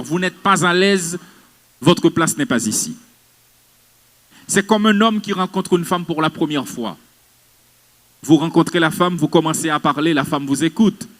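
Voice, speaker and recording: A man's voice: high-pitched, a bit bright. Man lecturing in an echoing hall. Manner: emphatic, questions the audience. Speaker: public speaking instructor. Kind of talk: live lecture to a class. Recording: long hall reverb.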